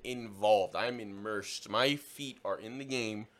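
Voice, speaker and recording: A man's voice: fairly low pitch, slow. A man bantering casually about games as a podcast co-host, with a slangy, teasing, emphatic frat-bro way of talking.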